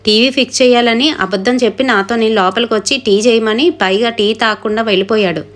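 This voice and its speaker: A woman's voice: a little high, brisk, close to an everyday voice. A woman voicing a frightened, pregnant young wife who pleads anxiously. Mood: indignant.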